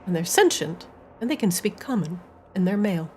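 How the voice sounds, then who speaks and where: A woman's voice: on the low side, expressive, fairly quick, mellow, a little hiss or hum. A woman narrating a tabletop game casually as its game master.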